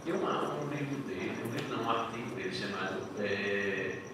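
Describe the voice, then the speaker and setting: A male history professor talks through his subject in a loose, enthusiastic way, stumbling and restarting as he goes. His voice sits fairly low and is caught from a distance in a very reverberant lecture hall. Steady background noise hums underneath. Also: a little fast. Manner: conversational, enthusiastic, frequent restarts. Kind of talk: informal academic talk at a panel.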